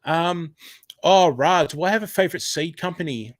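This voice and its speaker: A man with an Australian accent chats casually during a live stream, reading comments aloud with lots of fillers and restarts, and thanks viewers warmly. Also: a little high, moderate pace, no room sound. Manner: chatty, rambling, with many fillers and restarts; warm thanks to viewers, often exclaiming.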